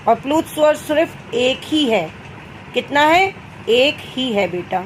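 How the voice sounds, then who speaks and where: Young female teacher, high pitch, patient question-and-answer style with children, faint background noise. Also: expressive, slow, poor audio. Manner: asks students questions and answers them herself; addresses students as "beta". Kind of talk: Hindi grammar lesson for children.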